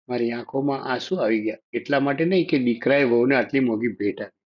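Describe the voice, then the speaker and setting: A man reading a sad story in the first person, in a steady, sorrowful storytelling manner. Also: fairly high pitch. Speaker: story narrator. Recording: dull lo-fi audio.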